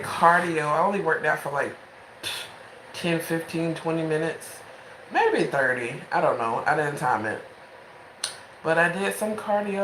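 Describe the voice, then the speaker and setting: A woman's voice: low voice, fairly bright tone, echoey room, slight background noise, poor audio. A woman in her twenties talking casually and frankly in a late-night home vlog, rambling between thoughts, with the phone held in her hand. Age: 20s. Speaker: vlogger.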